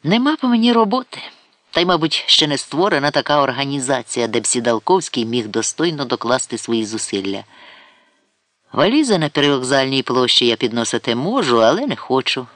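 A man's voice: mid-range voice, sing-song, a little fast, a bit bright, no echo. A man voicing a witty, haughty young idler who fancies himself an aristocrat, speaking with ironic self-importance. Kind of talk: audiobook character voice.

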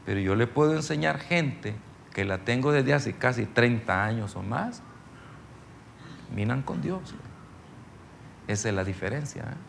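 A man's voice: medium pitch, expressive, measured pace, gravelly, long pauses, slight background noise. A middle-aged man, teaching a ministry seminar in a folksy, conversational sermon style, telling stories and checking that listeners follow.

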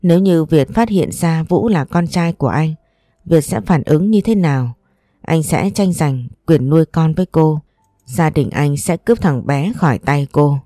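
Woman, storyteller, steady reading, low voice, dry close sound. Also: measured pace, no echo, faint music behind. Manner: reads all parts in one steady voice. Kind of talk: audio story narration.

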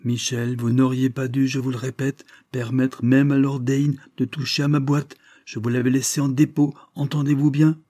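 A man voicing an indignant, demanding foreign gentleman, speaking insistently in a raised voice. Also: medium pitch, level tone, moderate pace, few pauses, no room sound, studio quality, voice pushed up, lightly acted. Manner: insistent, exclamatory.

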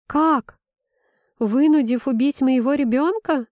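A woman's voice: mid-range voice, unhurried, darkish tone, no echo, lightly acted. A woman voicing a young pregnant heroine who snaps back in short, clipped retorts, in a dry, close recording. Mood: indignant.

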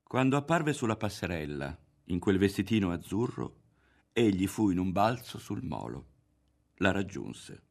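A man narrating a novel aloud in a calm, measured reading. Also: low voice, creaky. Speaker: audiobook narrator. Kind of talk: literary reading.

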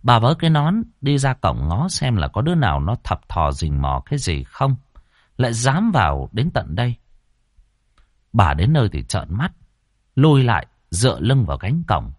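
A man narrating a ghost story audiobook in an expressive storytelling manner. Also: medium pitch, normal speed, no room sound, studio quality. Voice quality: expressive, lively.

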